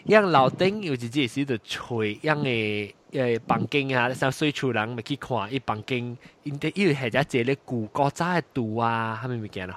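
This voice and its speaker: A man hosting a casual chat, telling a ghost story in an animated way, laughing often and mixing in English words. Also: medium pitch. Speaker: host.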